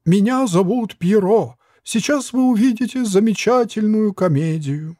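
A man voicing a sad wooden puppet clown, talking in a squeaky, mournful voice. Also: expressive, unhurried, mellow, no room sound, clean studio sound.

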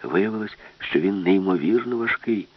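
A man narrating an audiobook with a lively, expressive reading. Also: lowish voice, moderate pace, no echo. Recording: dull, lo-fi, dry.

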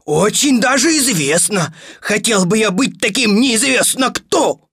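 A kindhearted crocodile, as a woman puts him on, husky and set a little back from the mic. He speaks slowly, with lively rises and falls, exclaiming his points. The recording is dry. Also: a little high, dry recording, full character voice. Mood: protesting. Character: kindly crocodile, male, grown-up and warm-hearted.

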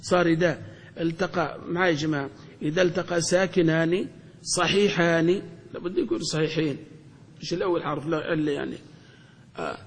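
A man leads a classroom grammar lesson. His voice sits high, and a long reverb trails off the walls of the hall. He keeps asking questions and repeats the key points. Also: fairly quick, long pauses. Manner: questioning, repeats key phrases, checks students follow. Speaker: sheikh teaching Arabic grammar.

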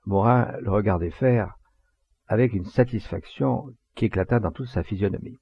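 Brief: male narrator for an audiobook, steady and measured; husky, dry lo-fi sound. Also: lowish voice, dry recording. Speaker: audiobook reader.

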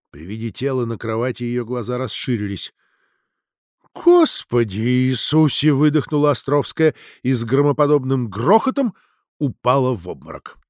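A man narrating an audiobook in an expressive, measured storytelling manner. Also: mid-range voice, no echo, clean studio sound.

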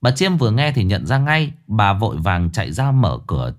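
A man narrating a ghost story in a suspenseful, expressive way. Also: on the low side, moderate pace.

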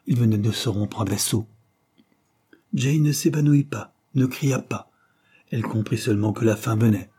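Male audiobook narrator, measured and steady, dark husky tone. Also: fairly low pitch.

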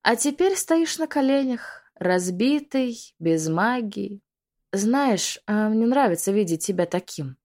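A woman's voice: medium pitch, lively intonation, slow, darkish tone, pitched above the performer's own voice. A woman reading an audiobook, voicing a spiteful young witch who taunts and hisses through her teeth. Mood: taunting. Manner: hissing, taunting.

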